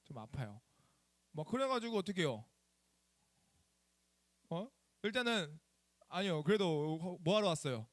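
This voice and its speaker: At a measured pace with frequent pauses, a young man whose voice sits high preaches to teenagers as their youth pastor. He tells a personal story in a chatty, animated way and asks the students questions, giving the sermon a lively storytelling feel. The recording is dry.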